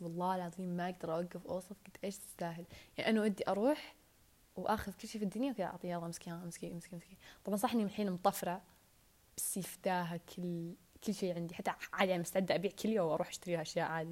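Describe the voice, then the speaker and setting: Speaking into a wired earphone mic, a woman with a Saudi Arabic accent hosts a casual solo podcast in a low, steady, slightly mellow voice. She rambles in a rush and frequently slips into whispering.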